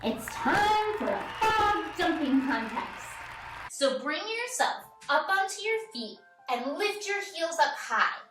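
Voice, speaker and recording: In an extremely high, sing-song voice, a woman slowly guides young children through a story-based movement lesson, offering gentle encouragement and repeating her directions. Music plays in the background, and the far-off mic picks up a roomy echo.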